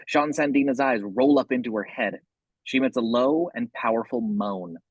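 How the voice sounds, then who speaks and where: A man with a husky voice reading scripted horror narration, describing the action scene by scene. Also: mid-range voice, moderate pace, dry recording, dull audio.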